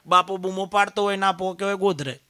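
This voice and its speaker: A man with a Gujarati accent preaches a devotional sermon in a high, bright voice. He rises to loud exhortations, sinks into quiet asides, and slows down to chant verses. The sound is dry and close. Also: fairly even intonation, clean tone, dry recording. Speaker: spiritual leader giving a satsang discourse.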